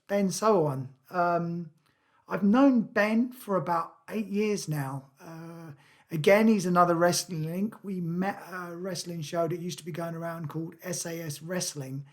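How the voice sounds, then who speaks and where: A young man hosting a casual podcast, talking in a halting way with many fillers. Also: high-pitched. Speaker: podcast host.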